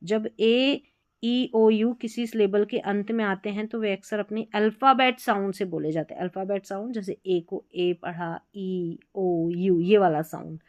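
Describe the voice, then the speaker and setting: A woman with an Indian accent teaching an exam-prep grammar lesson, explaining step by step and repeating examples slowly. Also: medium pitch, no room sound, highs cut off.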